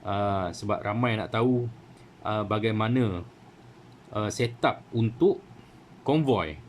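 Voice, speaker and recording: Speaking slowly in a fairly low voice, this radio hobby channel host with a Malaysian Malay accent chats through a casual how-to, leaning on fillers and asking "kan?" for agreement. Slight hiss or hum is audible.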